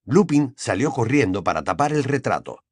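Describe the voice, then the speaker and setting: A man narrating an audiobook with expressive, storytelling delivery. His pitch moves lively through the sentences, in a dry, close recording. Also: moderate pace, slightly rough, no room sound. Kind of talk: scripted narration.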